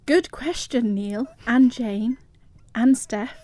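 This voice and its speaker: A woman's voice: a little high, slow, dark tone. A middle-aged woman with a southern English home counties accent, chatting as a guest in a radio interview. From Surrey, England. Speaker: studio guest.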